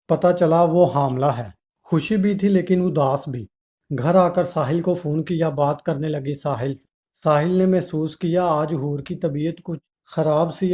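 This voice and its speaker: Man narrating a story, mellow lo-fi voice. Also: a little high. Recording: dull lo-fi recording.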